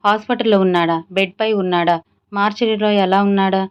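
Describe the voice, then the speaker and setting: Scheming sly man, false worry, voiced by a woman storyteller; smooth, lo-fi. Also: mid-range voice, fairly even intonation, fairly quick, close to an everyday voice. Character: scheming man feigning concern, sly villain.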